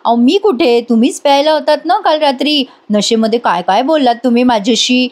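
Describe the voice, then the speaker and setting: A woman's voice: high voice, expressive, a little fast. A woman reading a teasing lovestruck husband. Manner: teasing, coaxing.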